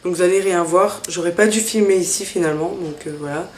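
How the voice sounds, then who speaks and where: A woman's voice: on the low side, fairly quick, darkish tone, reverberant. A woman vlogger chatting casually through a makeup haul, hesitant, with many fillers. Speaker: beauty vlogger.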